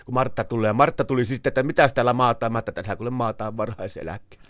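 A man's voice: mid-range voice, no room sound, clean studio sound, natural voice. A man playing Veijo, a muddled henpecked man. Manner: rambling, muddled, excitable. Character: bewildered henpecked Finnish man Veijo, naive. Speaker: comedy sketch character. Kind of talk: scripted comedy dialogue.

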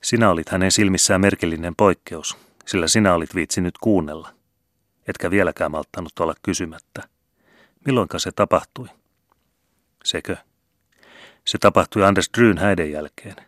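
Deep-voiced man reading a folk tale. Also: pauses often, fairly bright tone, dry recording, studio quality. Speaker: audiobook reader. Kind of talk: literary narration.

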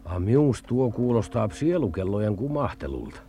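A man's voice: lowish voice, sing-song, dark tone. An actor playing a loyal male sidekick with a Karelian accent in a vintage radio play, chatting in folksy dialect. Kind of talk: 1940s radio acting.

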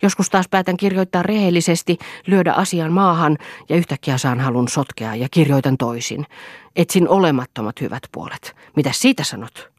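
A woman's voice: deep voice, no room sound, studio quality, pitched above the performer's own voice. A woman voicing a moody, self-pitying husband in an audiobook, speaking in sulky, boastful outbursts. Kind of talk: audiobook character reading.

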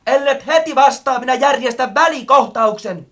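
A performer voicing an eager, clumsy, easily frightened companion in an audiobook story, with lively, expressive delivery. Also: medium pitch. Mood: shouting. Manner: lively, expressive, calls out loudly. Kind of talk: audiobook character acting.

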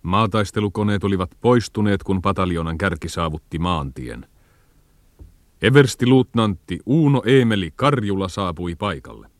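Low-voiced male radio drama narrator. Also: no echo, clean studio sound. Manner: steady, plain reading. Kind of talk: scripted radio play narration.

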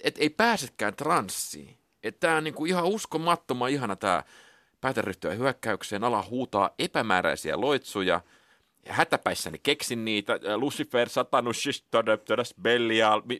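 A man's voice: mid-range voice, no room sound, studio quality. A man on a dream-discussion panel, talking it through casually and acting out scenes as he analyses them. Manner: animated, acts out the dream scenes while analysing. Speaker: cultural critic on a dream panel.

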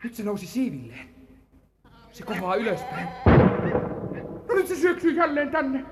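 A woman voicing a brave, excitable young boy in a 1950s school radio drama, over a faint tape hiss. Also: fairly high pitch, over loud music. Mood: frantic. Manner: eager, breathless, excitable. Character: brave young boy Giorgio, mountain goat herder.

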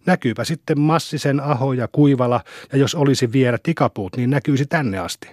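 A man's voice: medium pitch, a little mellow, no room sound, clean studio sound, close to an everyday voice. A man voicing a boastful, argumentative little village boy in an audiobook. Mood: arguing. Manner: bragging, argumentative.

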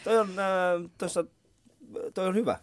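Here the radio talk show host sounds fairly high, with mostly even intonation and no echo. In a laid-back morning chat show from the studio, he shares personal stories in a chatty, self-mocking way.

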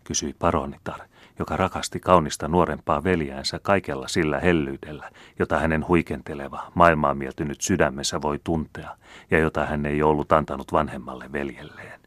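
Deep-voiced male audiobook reader. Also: dry recording. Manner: measured, even storytelling. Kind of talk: scripted narration.

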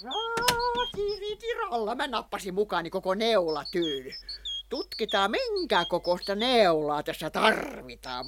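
A woman's voice: medium pitch, a bit bright, a little hiss or hum. An actress playing a chatty, lovestruck witch who fusses and coos over her cat in a radio play. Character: lovestruck chatty witch woman, fussy and fond.

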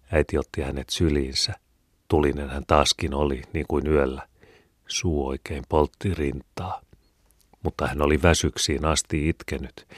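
Very deep-voiced male audiobook narrator. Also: no echo, clean studio sound. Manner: calm, measured storytelling. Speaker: audiobook reader. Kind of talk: scripted narration of a classic novel.

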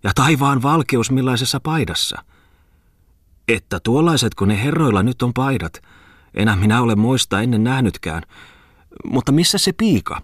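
A male reader voicing a loud, scolding, stout old miller's wife in an audiobook. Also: animated, dry recording, clean studio sound. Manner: shrill, scolding.

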